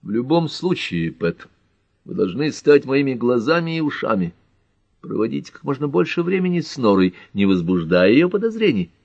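A man voicing a calm, logical male detective in an audiobook, measured and instructive. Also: medium pitch, vocal fry, no room sound, highs cut off, voice pushed up.

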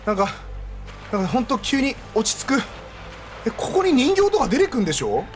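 A man streaming a horror game, panicky and rough-spoken, often shouting in fear. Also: extremely high pitch, huge pitch swings, fairly quick, soft background music. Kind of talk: horror game let's play commentary.

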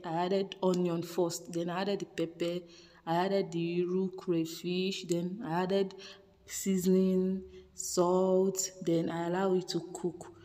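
Narrating her home cooking video in a casual voice-over, this woman from Nigeria repeats words to stress them. She speaks with a lowish, dark-toned voice, and the recording sounds like a large hall.

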